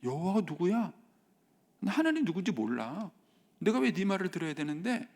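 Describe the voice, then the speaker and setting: A man's voice: high voice, big pitch swings, normal speed, pitched above the performer's own voice, heavily acted. A man putting on a scornful, arrogant king. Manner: scornful, dismissive, shouted taunts. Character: arrogant defiant male Egyptian king.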